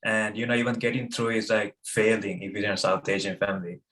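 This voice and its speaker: A young man from Sri Lanka, a guest on an interview podcast, speaking with hesitant pauses and fillers. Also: on the low side, level tone, a bit bright. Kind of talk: casual interview chat.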